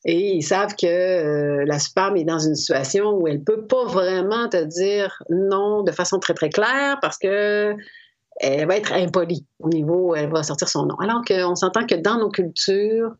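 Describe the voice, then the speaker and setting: Québécois woman explaining with many pauses. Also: lowish voice. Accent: Québécois French. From Quebec. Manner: thoughtful, hesitant with frequent fillers. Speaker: guest expert on Japan. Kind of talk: conversational explanation. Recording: slightly dull lo-fi audio.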